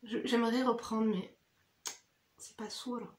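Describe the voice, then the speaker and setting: Here a beauty vlogger's voice is on the high side, steady, unhurried and a little mellow as she chats casually through her makeup. She's slangy and familiar, addressing viewers directly with lots of "hein" tags, in a get-ready-with-me video recorded in an echoey indoor room.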